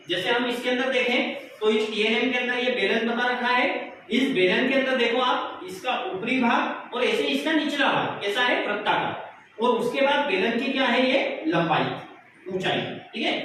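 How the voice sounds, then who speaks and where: In an echoing, noisy classroom recorded from far away, a male math teacher teaches a lesson, asking the students questions he then answers himself. His voice is very high and a bit bright.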